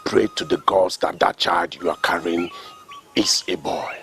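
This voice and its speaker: A man's voice: sits low, level tone, a little slow, gravelly, a bit bright, soft background music, full character voice. A man with a Nigerian accent playing a stern, demanding king in a film drama, speaking in a commanding, declamatory way. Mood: angry, threatening. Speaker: actor.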